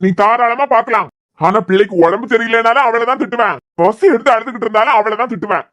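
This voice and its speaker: Stern cartoon elder voiced by a woman, quick curt delivery, dry close sound, Kanyakumari accent. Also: on the high side, a bit bright, no echo, close to an everyday voice. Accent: Kanyakumari Tamil. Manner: curt, telling others to shut up. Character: protective elder of the family, stern. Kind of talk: cartoon serial voice acting.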